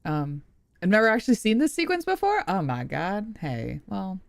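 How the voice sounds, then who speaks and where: A woman's voice: mid-range voice, very animated, moderate pace, gravelly, no room sound. A young woman streaming a video game and chatting about it in a playful, self-mocking way, laughing and swearing. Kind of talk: casual gameplay commentary.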